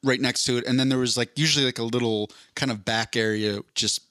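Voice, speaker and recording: A man co-hosting a podcast in casual chat, animated and laughing as he riffs on stories. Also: mid-range voice, quick pace, no echo, clean studio sound. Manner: animated, laughs, acts out quotes. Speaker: podcast co-host.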